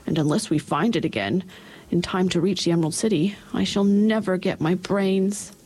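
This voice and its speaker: A woman's voice: lowish voice, normal speed, darkish tone, husky. A woman voicing a grumbling, fretful male scarecrow in a storybook. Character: grumbling male scarecrow who wants brains.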